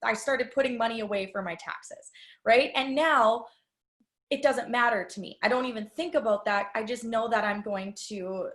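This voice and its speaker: A woman's voice: fairly high pitch, moderate pace, a bit bright. A woman giving a live training talk to an audience, chatty and confiding, addressing the listeners directly and telling personal stories. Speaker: business trainer. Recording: echoey room.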